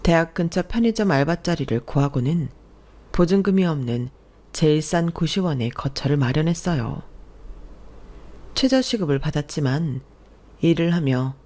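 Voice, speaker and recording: A woman narrating a first-person radio story in a calm, confiding storytelling manner. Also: low voice, moderate pace.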